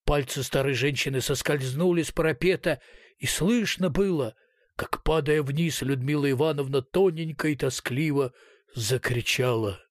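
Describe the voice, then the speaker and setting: A man narrating an audiobook in a measured, steady reading style. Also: fairly high pitch, no echo, clean studio sound. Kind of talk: scripted narration.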